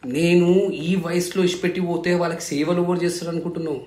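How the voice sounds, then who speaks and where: A man's voice: fairly high pitch, fairly even intonation, fast talker, darkish tone. A man, a family vlogger answering viewers' comments in an impassioned, defensive way, full of rhetorical questions.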